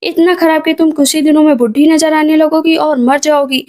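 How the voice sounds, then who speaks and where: A woman's voice: high-pitched, fairly even intonation, a little fast, darkish tone, lightly acted. A woman voicing a wronged young wife who firmly takes her revenge.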